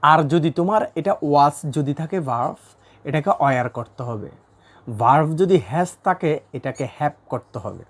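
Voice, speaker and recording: A man's voice: a little high, lively intonation, moderate pace. A man from Bangladesh teaching English grammar at a board, repeating key points and quizzing his students. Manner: repeats key points, asks the class questions. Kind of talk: classroom grammar lesson. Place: classroom with a board.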